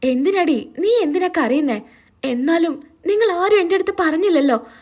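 A woman's voice: very high voice, lively intonation, normal speed, darkish tone. A woman voicing an emotional older sister who frets over her brother and scolds her family. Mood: distressed.

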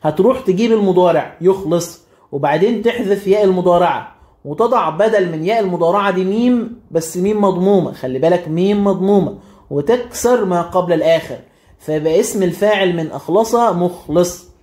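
A quick-paced man with an Egyptian accent teaches a grammar lesson. His voice sits high, and he keeps asking and answering his own questions. The room around him is echoey. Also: a little mellow. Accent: Egyptian Arabic. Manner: quizzes himself and repeats rules. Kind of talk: classroom explanation.

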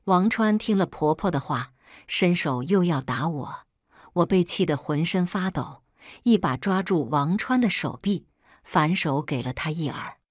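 Female storyteller, lowish voice, steady and cool scripted narration, dry close mic. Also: measured pace, dry recording.

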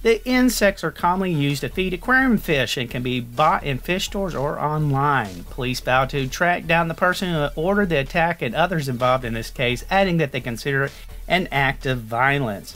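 A man's voice: a little high, expressive, moderate pace, fairly bright tone, faint music behind. A man hosting his own channel, reading a news article aloud and adding loose, jokey asides.

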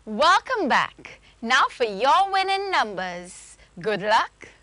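A woman's voice: a little high, sing-song, takes it slowly, bright, forceful tone, slight background noise. A young woman presenting a scripted televised lottery draw as host, with formal announcer phrasing. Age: young adult. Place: TV studio.

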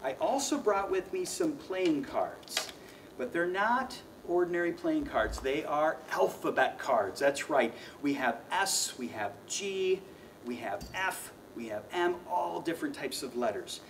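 A man's voice: a little high, animated, a little slow, recorded from a distance, noisy background. A young adult man performing a children's magic show, with playful, mock-flustered showman patter aimed at the kids.

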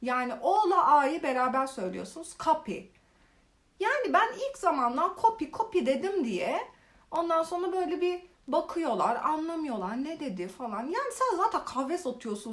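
Young woman, vlog storytelling, high pitch, very animated, exaggerated, casual. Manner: animated, exaggerated retelling with laughs. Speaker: vlogger. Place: living in Korea.

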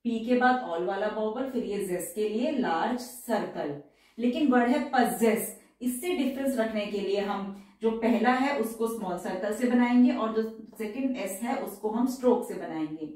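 दूर माइक से गूंजती आवाज़ में पढ़ाती महिला, गहरा स्वर. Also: female voice, fairly high pitch, mellow, recorded from a distance. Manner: slow, careful repetition of example words. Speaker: shorthand teacher. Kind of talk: step-by-step tutorial. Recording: echoey room, voice off-mic.

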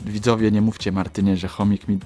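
A man's voice: on the low side, flat delivery, fairly quick, darkish tone. A man hosting a toy-unboxing video, chatting playfully and clowning as he addresses toys and viewers. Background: music.

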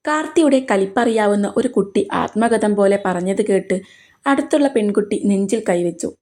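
A woman reading a serial romance story aloud with steady narration. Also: medium pitch, moderate pace.

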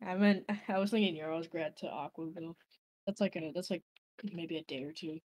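A woman's voice: on the low side, steady tone, normal speed, a little mellow, slight background noise. A young woman narrating as game master in a tabletop game, casual and rambling with frequent restarts.

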